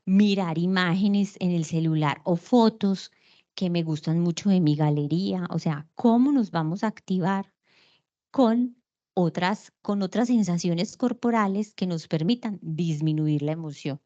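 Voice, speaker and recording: A woman's voice: on the low side, a little slow, mellow. Woman lecturer, explanatory, rhetorical questions, somewhat dull lo-fi recording. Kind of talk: online lecture on emotions.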